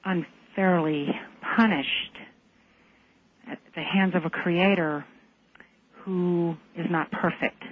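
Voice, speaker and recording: A woman calling into a radio talk show, speaking in an intense, deliberate and defiant way. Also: fairly low pitch, steady tone, breathy edge. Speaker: caller. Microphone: phone. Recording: tinny phone line.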